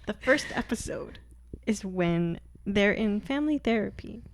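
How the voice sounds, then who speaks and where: A young woman co-hosting a casual podcast, telling stories slowly with slang and giggles. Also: medium pitch, expressive, a little hiss or hum. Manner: slow, giggly storytelling with slang. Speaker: podcast co-host. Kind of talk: casual chat.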